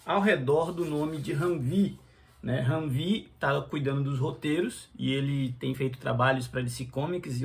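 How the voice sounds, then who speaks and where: A man's voice: medium pitch, gravelly. A man with a Brazilian Portuguese accent, casually reviewing a comic book and chatting to his viewers with frequent fillers and restarts.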